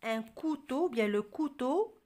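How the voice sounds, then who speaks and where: A woman with an Algerian accent tutoring a child at home, patiently repeating and spelling out words slowly. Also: sits high, expressive, darkish tone. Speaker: tutor reviewing a French textbook with a child. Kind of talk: home tutoring, French and Arabic mixed.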